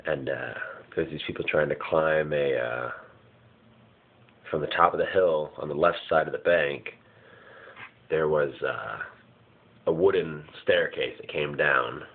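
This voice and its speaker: Very deep-voiced man hazily recounting puzzling dreams. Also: unhurried, gravelly, pauses often. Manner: hazy, puzzled recounting, vague and searching for words. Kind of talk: casual personal dream recounting. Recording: muffled phone-like lo-fi sound.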